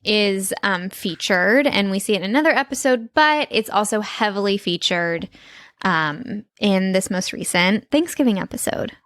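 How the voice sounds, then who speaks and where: A woman's voice: medium pitch, normal speed, a bit bright, no echo. A young woman co-hosting a podcast, chatty and enthusiastic, with frequent ums and likes. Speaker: podcast co-host. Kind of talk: casual chat.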